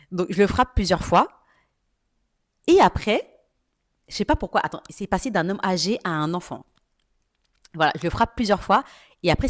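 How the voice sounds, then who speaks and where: A woman in her thirties tells personal stories on her podcast in a chatty, confiding way, often pausing to gather her thoughts. Her voice sits a bit low for a woman. The sound is dry and close, with no room around it. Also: dry recording. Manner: chatty and confiding, with frequent hesitations. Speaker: podcast host.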